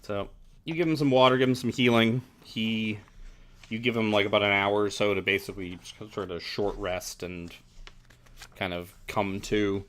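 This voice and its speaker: A man's voice: lowish voice, steady tone, normal speed, a bit bright. A man narrating as game master in a casual, rambling way full of fillers. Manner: casual, filler-heavy with frequent "like".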